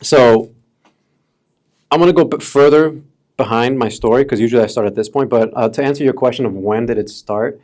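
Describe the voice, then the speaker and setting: A man in his early thirties from the Chicago area, telling stories as a podcast guest in a relaxed, casual way, peppered with bro and dude. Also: medium pitch, brisk. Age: 30s. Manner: laid-back, calls friends bro and dude. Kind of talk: casual storytelling chat.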